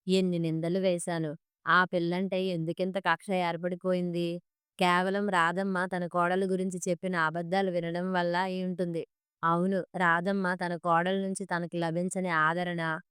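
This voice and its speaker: A woman voicing a sharp-tongued middle-aged mother-in-law who complains and scolds in a storybook monologue. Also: lowish voice, smooth, no echo, clean studio sound, lightly acted.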